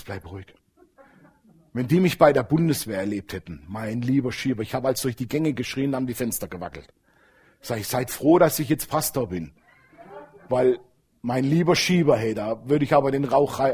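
A male pastor preaching a lively, humorous sermon and acting out little dialogues. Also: mid-range voice, breathy edge.

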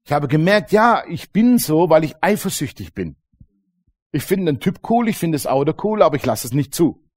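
A man preaching a sermon to a congregation, lively and colloquial, acting out little dialogues and often calling out "Amen". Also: fairly high pitch, normal speed. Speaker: pastor. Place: church congregation.

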